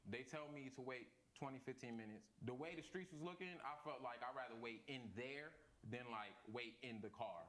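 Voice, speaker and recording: A man's voice: medium pitch, moderate pace, few pauses, fairly bright tone. A young man from Miami, a defendant on a TV court show, explaining himself in a stammering, defensive way.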